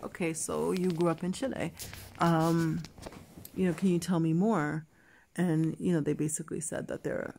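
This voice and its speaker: A female vlogger tells a personal story to camera in a casual, chatty way, full of fillers and restarts. Her voice is deep, creaky and warm. She acts out both sides of a conversation, quoting others in dialogue.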